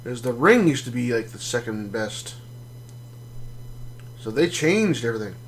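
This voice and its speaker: A man's voice: mid-range voice, normal speed, slight background noise. A man streaming a space game, explaining things casually with lots of ums and restarts. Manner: relaxed, rambling explanations with many fillers. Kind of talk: casual gameplay commentary.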